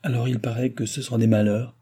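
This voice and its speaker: A man's voice: mid-range voice, flat delivery, brisk, warm tone, slightly rough, natural voice. A man reading aloud, voicing a proud, imperious young princess in a raised voice. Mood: questioning. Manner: haughty, commanding.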